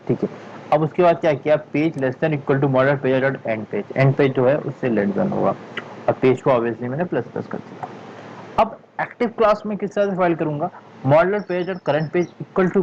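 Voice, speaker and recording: Slow-talking man coding tutor, thinking aloud. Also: fairly high pitch, lively intonation, creaky, a little mellow, highs cut off, a little hiss or hum. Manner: thinks aloud, frustrated muttering "yaar", frequent "theek hai"; speaks slowly on purpose. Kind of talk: screen-recorded coding tutorial.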